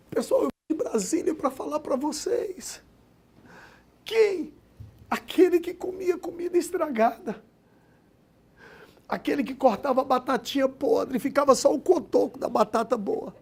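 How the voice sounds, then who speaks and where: A man, a pastor, giving an emotional testimony sermon, speaking to his listeners as brothers and swinging from quiet storytelling to loud proclamations. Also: very high-pitched, expressive, measured pace, long pauses. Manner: impassioned, addresses listeners as brothers.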